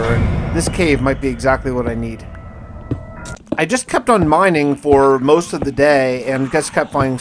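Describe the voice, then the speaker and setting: A man's mid-range voice narrates a survival story from a game as a scripted first-person log, delivered with dramatic storytelling flair. He's a gaming video host doing a role-play survival series, and there's music plus some background noise behind him.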